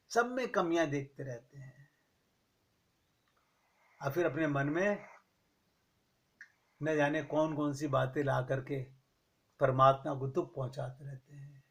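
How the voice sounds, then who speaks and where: A man giving a slow, measured spiritual discourse to a gathering, stressing his points with rhetorical questions. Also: fairly high pitch. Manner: recites verse slowly. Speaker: spiritual teacher. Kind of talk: Hindi satsang discourse.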